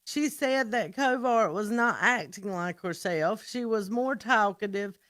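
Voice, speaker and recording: Slow-reading female radio co-host. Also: medium pitch. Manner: steady reading, with dry interjections. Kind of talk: reading a news report on air.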